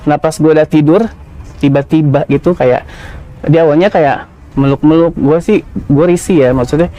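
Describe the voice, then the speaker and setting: Mellow-voiced man in his thirties. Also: a little high, steady tone, moderate pace. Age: 30s. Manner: casual slangy confessional, many fillers. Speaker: podcast guest. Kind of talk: personal storytelling.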